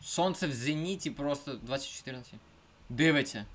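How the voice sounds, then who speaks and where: A young man giving casual let's-play commentary, swinging between mumbled asides and shouted outbursts. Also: medium pitch, lively intonation, fairly quick. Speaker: gameplay streamer.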